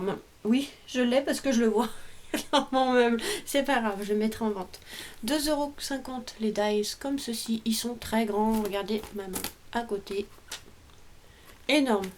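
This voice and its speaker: A woman vlogger with a slightly high voice casually displays a craft haul at home, chatting hesitantly and often trailing off. A little background noise can be heard.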